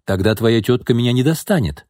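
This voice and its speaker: A man voicing a drunken, pushy middle-aged businessman in an audiobook, needling, bitter and rising into angry shouts. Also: medium pitch, lively intonation, fairly quick, no room sound, studio quality, lightly acted. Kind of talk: audiobook character reading.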